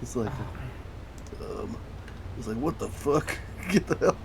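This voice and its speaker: A man takes part in a tabletop game in a casual way. His mid-pitched voice moves up and down in a lively manner, with faint noise behind it. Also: slow pace, creaky.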